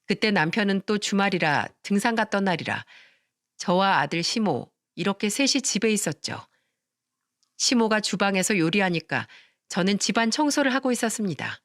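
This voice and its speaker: A woman telling a first-person story with a lively, rising-and-falling delivery. The sound is close and dry, with no room echo. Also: mid-range voice, normal speed. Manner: expressive storytelling, acting out quarrels. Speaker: narrator.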